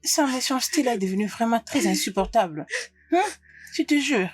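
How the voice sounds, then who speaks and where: A woman's voice: a little high, lively intonation, brisk, breathy edge, soft background music. An actress playing a royal mother who soothes and coaxes in a French film dub. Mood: soothing. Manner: soothing, coaxing. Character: fussing royal mother of middle age. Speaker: mother, queen.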